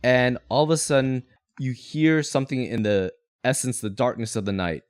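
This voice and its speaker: A man's voice: mid-range voice, steady tone, normal speed, clear, resonant tone, dry recording. A man running a tabletop game as game master, talking casually in a mid-range voice. He explains the scene in a rambling, informal way, recorded close and dry with little room sound.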